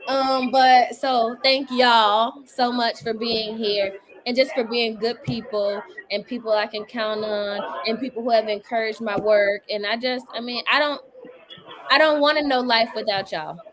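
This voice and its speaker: A woman's voice: on the high side, steady tone, unhurried, fairly bright tone, low-quality recording. A woman hosting an online gathering, talking casually and emphatically with joking asides. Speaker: host. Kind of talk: casual talk to a live online audience.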